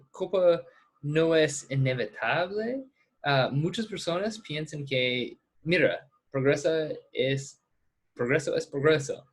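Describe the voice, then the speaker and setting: A man from the United States, a native English speaker teaching a class discussion in American-accented Spanish, halting as he searches for words. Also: on the high side, slightly rough. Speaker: ethics teacher. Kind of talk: lecture discussion with students.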